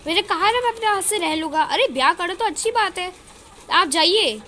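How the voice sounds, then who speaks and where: A woman's voice: very high-pitched, expressive, fairly quick, pushed and bright, a little hiss or hum, pitched above the performer's own voice, heavily acted. A woman voicing an earnest young boy who adores his aunt.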